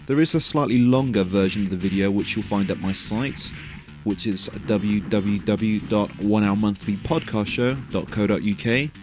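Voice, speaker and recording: A man's voice: fairly low pitch, normal speed, music in the background. A man hosting a retro gaming video, talking through gameplay in a chatty, rambling way full of asides, sounding a little tired and out of breath. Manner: chatty and rambling, frequent "you know" asides. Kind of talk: casual gameplay commentary.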